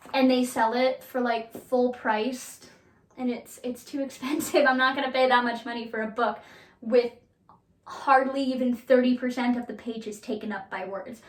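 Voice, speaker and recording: A young woman vlogging casually about books at home, chatty, with lots of fillers and laughter. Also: on the high side. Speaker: book vlogger. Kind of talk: casual vlog chat. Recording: echoey room.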